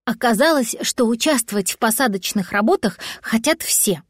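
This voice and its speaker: A woman's voice: a little high, lively intonation, moderate pace, no room sound, clean studio sound. Woman reading a children's story. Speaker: narrator. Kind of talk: audiobook storytelling.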